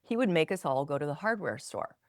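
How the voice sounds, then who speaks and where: A woman guest on a podcast, speaking gently and reflectively in long flowing thoughts. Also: sits low, lively intonation, a little fast, dry recording, clean studio sound. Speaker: guest, spinal energetics practitioner. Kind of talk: conversational podcast interview.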